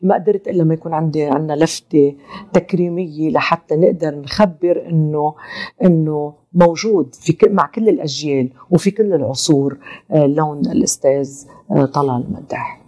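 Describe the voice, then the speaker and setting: Fast-talking Lebanese woman, low voice. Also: mellow. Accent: Lebanese Arabic. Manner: thoughtful, pauses with fillers. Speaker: guest singer. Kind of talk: interview answers.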